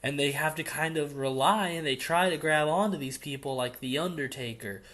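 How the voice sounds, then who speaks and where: A man's voice: fairly high pitch, moderate pace, a bit bright. A young man co-hosting a casual podcast, giving his opinions in long run-on explanations. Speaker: podcast co-host.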